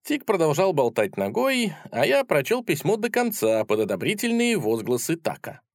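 A man reading a first-person satirical story aloud in a wry, expressive manner. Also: a little high, normal speed, creaky, no room sound, studio quality. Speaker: narrator.

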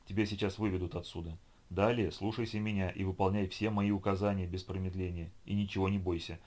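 A man voicing a small, stern female creature who gives calm, firm orders. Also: quick pace. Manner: firm, instructive, low-key.

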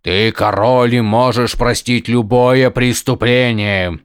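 A stern, weary older highlord, voiced by a male narrator, who lays down the law in firm, emphatic tones. His voice sits mid-pitched, and the audiobook recording is close and dry. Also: steady tone, slow, clear, resonant tone, no room sound, lightly acted. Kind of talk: audiobook character voice.

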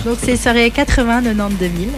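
Slightly hoarse woman chatting on radio. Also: a little high, fast. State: slightly hoarse, voice partly lost after a weekend. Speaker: radio co-host presenting local events. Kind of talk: casual radio chat. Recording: faint music bed behind studio talk.

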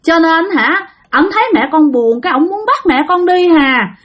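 A small girl's spirit, whining and pleading in a high, swooping little voice, as a woman storyteller puts her on. She sounds childish and clingy, and her pitch jumps all over. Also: animated, normal speed, a bit bright. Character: whiny little girl spirit possessing her mother.

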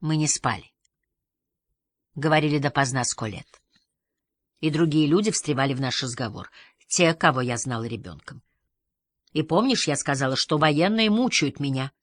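A woman's voice: low-pitched, lively intonation, moderate pace, long pauses, dry recording. A woman voicing a weary, subdued troubled woman.

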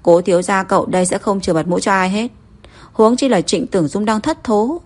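A woman narrating a novel in a steady, even reading voice. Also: medium pitch, a little fast. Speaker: audiobook narrator.

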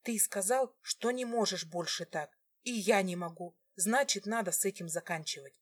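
A woman reading an audiobook voices a hurt wife, sharp-tongued and hissing in anger. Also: mid-range voice, moderate pace, close to an everyday voice. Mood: firm.

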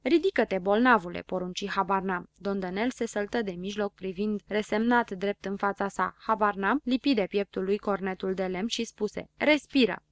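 A woman reading a children's story aloud as an audiobook narrator, clear and steady. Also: medium pitch, hardly any pauses, no room sound, clean studio sound.

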